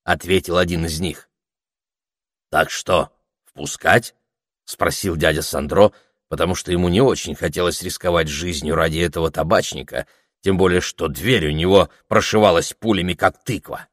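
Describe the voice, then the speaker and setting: A man narrating an audiobook in a calm, even storytelling manner. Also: sits low, brisk, no echo, clean studio sound. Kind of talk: scripted narration.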